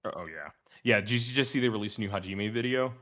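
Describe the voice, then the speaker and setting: A man's voice: lowish voice, animated, fast talker, a bit bright. A man hosting a casual review discussion, talking in an earnest, enthusiastic, wordy and analytical way. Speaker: podcast host.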